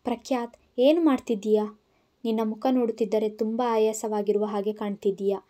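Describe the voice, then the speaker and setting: A woman's voice: on the high side, fairly even intonation, fairly quick, dark tone, lightly acted. A woman voicing a caring young husband in an audio story, scolding with tenderness. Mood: tender.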